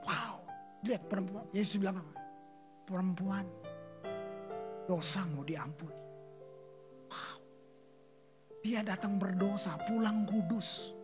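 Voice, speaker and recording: A male pastor preaching a sermon in slangy, animated storytelling, acting out the people in his stories. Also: high voice.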